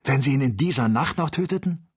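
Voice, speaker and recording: A man voicing an eager, excitable young traveler who speaks in an urgent, raised voice. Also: lowish voice, normal speed, slightly rough. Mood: agitated.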